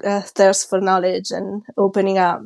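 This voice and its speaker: A woman's voice: medium pitch, completely flat delivery, normal speed, vocal fry, a little mellow, no room sound. A woman hosting a casual podcast interview in a girlish anime-girl voice. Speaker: podcast host.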